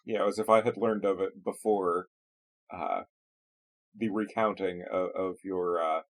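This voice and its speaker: A man's voice: low-pitched, fairly even intonation, a little slow. A man playing his character in a tabletop game, speaking in a polite, formal and apologetic way. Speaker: player.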